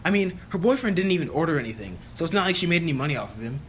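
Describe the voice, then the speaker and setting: A man's voice: on the high side, sing-song, racing, fairly bright tone, slight background noise. A young man narrating a casual story-time voice-over, chatty and exasperated, with lots of fillers. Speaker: YouTuber telling a story.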